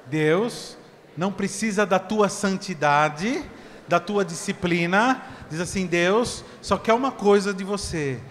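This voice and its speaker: A man preaching a sermon as pastor, swinging from loud, stretched shouts to low, quick asides. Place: church hall. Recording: long church reverb, faint background noise.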